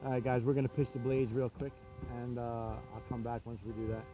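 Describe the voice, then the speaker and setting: A man with a medium-pitched voice gives informal, casual commentary straight to viewers. Loud musical sound runs behind him in an outdoor recording. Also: level tone, brisk, over loud music, rough recording. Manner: informal, addresses viewers directly. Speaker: video host. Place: outdoors in a dark work yard at night.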